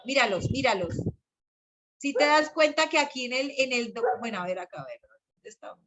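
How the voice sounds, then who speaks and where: High, bright-voiced Colombian woman teaching. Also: lo-fi sound, slight background noise. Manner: excitable, repeats herself, talks fast. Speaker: psychology lecturer. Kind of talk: live online class.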